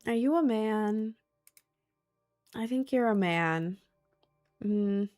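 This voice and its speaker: A woman's voice: mid-range voice, slow, a little mellow, faint music behind. Young woman rambling on a livestream. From United States. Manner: rambling, chatty, fillers like um and like. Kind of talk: casual stream chat. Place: home streaming desk.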